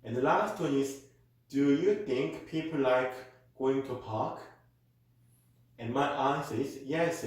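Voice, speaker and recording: Korean-accented male tutor in an echoey room. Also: medium pitch. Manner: slow, careful delivery for learners. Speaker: IELTS speaking tutor. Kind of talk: reading model exam answers aloud.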